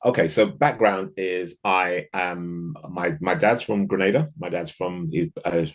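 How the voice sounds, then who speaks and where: A man speaks as a guest in a relaxed interview. His voice sits very low, and he thinks out loud, circling back and restarting his sentences as he goes. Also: unhurried. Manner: reflective, thinks aloud with frequent restarts. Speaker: podcast guest. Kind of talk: casual interview conversation.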